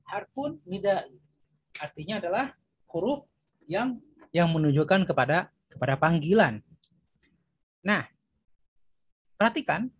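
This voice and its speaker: An Indonesian man teaching Arabic grammar, repeating each term and filling pauses with "ya" and "nah". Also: sits high, animated, husky, poor audio. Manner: repeats terms, fills with "ya" and "nah". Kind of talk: recorded grammar lesson.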